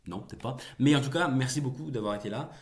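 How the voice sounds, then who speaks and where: This young man hosts a casual solo YouTube video reacting to film news, chatting and joking with viewers. He rambles with lots of fillers and restarts, speaking fast at a medium pitch.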